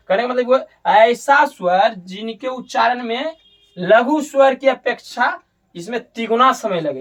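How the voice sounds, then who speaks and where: A man's voice: very high-pitched, distant mic. A man teaching a grammar lesson, explaining step by step, repeating himself and correcting slips as he goes. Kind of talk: classroom-style grammar lesson. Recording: voice from away from the mic.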